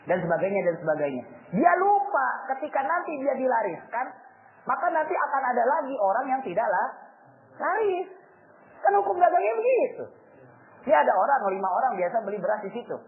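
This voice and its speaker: A man's voice: very high voice, very animated, a little fast. A man gives a casual sermon to young people, using slang and asking his listeners rhetorical questions. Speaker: religious teacher. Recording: tinny phone-like line, faint noise.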